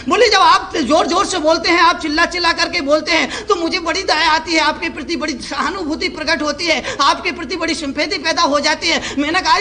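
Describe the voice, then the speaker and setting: A man giving a fiery sermon as a monk preacher, loud and emphatic, repeating phrases to drive points home. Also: very high voice, a little hiss or hum.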